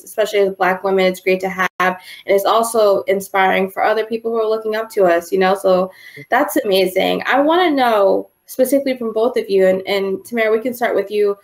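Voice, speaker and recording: A woman moderating a career panel, asking questions in an enthusiastic, affirming way. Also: medium pitch. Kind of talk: panel discussion.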